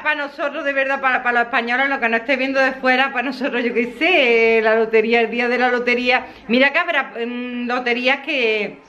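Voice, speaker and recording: Spanish woman vlogging, high voice, chatty, laughs a lot, gets all emotional. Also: fairly bright tone, dull audio. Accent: Spanish from Spain. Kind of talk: casual chatty vlog.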